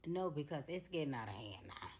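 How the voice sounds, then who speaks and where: A woman's voice: sits low, very animated, a little fast, faint music behind. A woman ranting to camera with exasperated rhetorical questions. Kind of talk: casual rant to camera.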